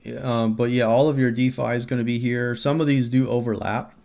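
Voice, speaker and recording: A man's voice: mid-range voice, fairly even intonation, a little fast, creaky, a little mellow. A man giving a casual explainer while walking through a screen, with frequent fillers and restarts. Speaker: crypto video creator.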